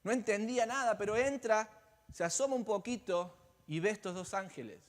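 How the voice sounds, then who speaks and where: A man pastor delivering an Easter sermon as dramatic storytelling, swinging between loud passages and hushed ones. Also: high-pitched, brisk. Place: church sanctuary. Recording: long church-hall reverb.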